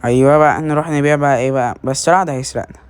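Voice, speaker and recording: A man with an Egyptian Arabic accent giving casual gameplay commentary, excitedly calling out to his teammates and teasing them. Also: medium pitch, racing, clear, resonant tone, dry recording. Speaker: gaming video creator.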